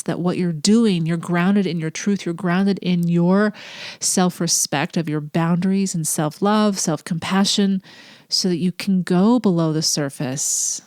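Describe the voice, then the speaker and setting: Congested with a cold, this teacher hosts her own podcast in a casual solo format, sounding nasal, earnest, and reflective, with occasional slips into breathy whispers. Her voice sits fairly low and is slightly mellow. It's a dry, studio-quality recording.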